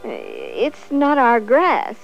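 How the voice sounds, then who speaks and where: A woman's voice: a little high, wildly swooping pitch, very slow, vocal fry, muffled recording, faint music behind, voice pushed up, exaggerated voice. A woman voicing an upset little shepherd boy who pleads with his friends. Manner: pleading, frustrated.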